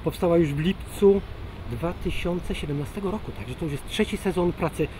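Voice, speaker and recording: A man's voice: fairly high pitch, moderate pace, warm tone, slight background noise, rough recording. A man in his fifties explaining his beekeeping work informally, outdoors in the open with bees buzzing around him. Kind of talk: informal explanatory talk to camera while working. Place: open rooftop apiary, outdoors. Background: bees buzzing, outdoor ambience.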